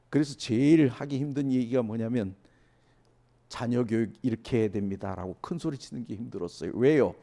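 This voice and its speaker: A man preaching a sermon as a pastor. He keeps asking the congregation questions and answering them himself, and he swings from loud emphatic lines down to hushed asides. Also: medium pitch.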